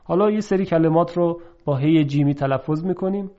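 A man teaching a pronunciation lesson, explaining methodically and drawing out example words slowly. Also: a little high. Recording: dull lo-fi recording.

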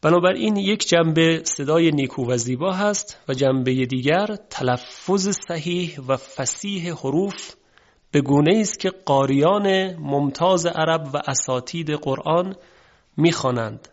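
A man whose first language is Persian teaches Quran recitation in a measured way, demonstrating Arabic vowel sounds. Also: fairly high pitch. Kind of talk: spoken lesson on Quranic pronunciation. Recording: dull lo-fi recording.

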